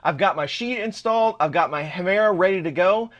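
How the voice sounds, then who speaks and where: A man's voice: high-pitched, brisk, dull audio. A man in his thirties hosting a hands-on 3D printer build vlog in his home workshop, explaining parts as he shows them. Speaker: channel host.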